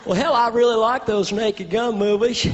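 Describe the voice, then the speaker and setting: A male comedian playing a gruff, blustering older president who barks orders in a stand-up bit. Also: steady tone, normal speed, natural voice. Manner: gruff, booming, swearing. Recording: lo-fi live hall recording.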